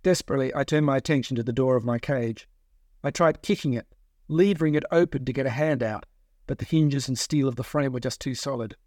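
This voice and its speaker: A man's voice: medium pitch, no echo. Man reading his own novel, dry studio. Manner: steady, measured storytelling. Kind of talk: first-person audiobook narration.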